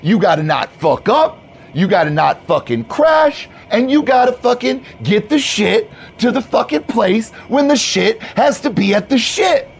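Brief: man voicing a hyped young bro manager, shouting, profane, high and gravelly. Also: big pitch swings, unhurried, a little hiss or hum, exaggerated voice. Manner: shouting, swearing, manic enthusiasm. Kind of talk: tabletop role-play character voice.

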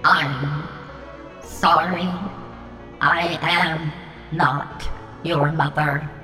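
A woman playing a cold robot who poses as a mother in an audio drama, speaking in a halting, deliberate way. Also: low-pitched, fairly even intonation, bright, forceful tone, heavily acted. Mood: cold, revealing. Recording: long hall reverb, faint music.

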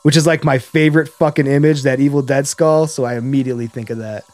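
A man with an upstate New York accent from the Buffalo area talks in a mid-pitched voice. He is enthusiastic and casual, full of slang and cursing, like a podcast co-host, with faint music behind him. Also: fairly even intonation, fast, a little mellow, dry recording. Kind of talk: casual chat about horror movies.

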